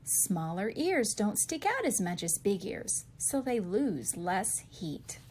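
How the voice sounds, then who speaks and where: Very animated and slow-paced, this medium-pitched, darkish, slightly husky female voice reads a picture book to young children, asking questions and expressively answering them. A little hiss or hum is audible.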